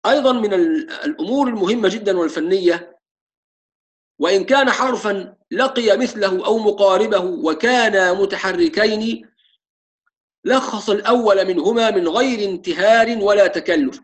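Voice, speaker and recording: In this Quran recitation lesson, a man whose voice sits high speaks with an Egyptian accent. He mixes formal and colloquial Arabic, and when demonstrating tajweed he slows right down to elongate each letter.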